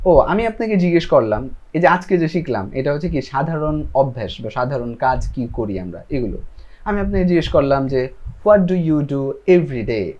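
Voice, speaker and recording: A man teaching a casual English lesson, explaining patiently, often checking in with the listener and reading example sentences very slowly. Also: a little high, a little mellow, highs cut off. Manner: explains patiently, often asks "ঠিক আছে?". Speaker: teacher sharing his English learning.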